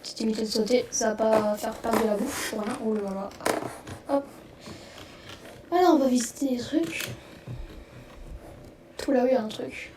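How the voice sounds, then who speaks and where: Excitable woman gamer, roomy distant sound. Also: on the high side, moderate pace, pauses often. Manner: excitable, rambling, swears when panicking. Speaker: gaming video host. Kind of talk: let's play commentary. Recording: roomy, distant mic, noisy background.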